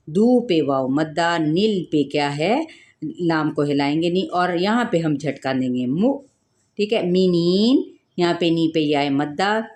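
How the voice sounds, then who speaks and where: Slow, low-voiced woman teaching recitation. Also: darkish tone. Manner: explains rules step by step, stretches recited words slowly. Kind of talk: tajweed lesson, explaining then reciting.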